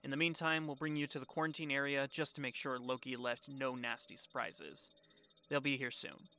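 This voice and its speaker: A man playing a dutiful government agent in a fan audio roleplay, speaking in a brisk, official way. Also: medium pitch, bright, forceful tone. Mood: businesslike.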